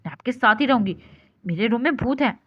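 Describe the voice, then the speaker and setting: A naive, tearful young bride voiced by a woman pleads in a childlike, stubborn way. Her voice sits a little high and moves a lot. The storybook recording is dull and lo-fi. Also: expressive, fairly quick. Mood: stubborn pleading.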